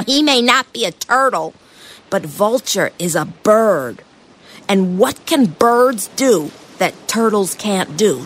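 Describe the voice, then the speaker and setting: A woman voicing a chatty, curious young male turtle who gushes and squeals with excitement, recorded inside a moving car. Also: medium pitch, a little hiss or hum.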